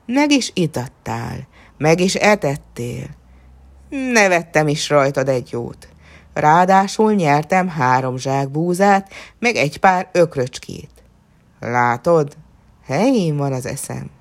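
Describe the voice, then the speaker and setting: A crafty, good-humoured peasant from a storybook folk tale, read by a woman. He speaks low and calm, with a lively, teasing lilt that hides how much he knows. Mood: sly. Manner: sly and easygoing. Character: poor cunning male peasant, cheeky and calm.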